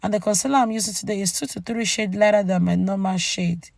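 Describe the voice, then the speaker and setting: Woman with a cracking, creaky, cold-struck voice. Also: medium pitch, fairly even intonation, quick pace, darkish tone, no room sound. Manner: chatty, addresses viewers directly with tag "okay?". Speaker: beauty channel host. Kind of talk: makeup tutorial voice-over, casual narration.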